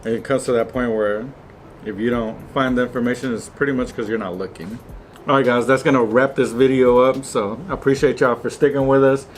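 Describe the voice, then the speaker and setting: A man's voice: medium pitch, steady tone, brisk, slight background noise. Laid-back man giving easygoing vlog advice. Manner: laid-back, joking, uses slang. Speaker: vlog co-host. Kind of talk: casual chat while eating.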